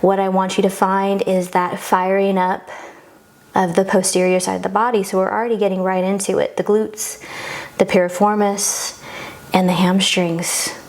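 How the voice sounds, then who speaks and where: A woman's voice: medium pitch, level tone, moderate pace, darkish tone. A woman yoga instructor guiding a class through poses in an encouraging, reassuring and informal way.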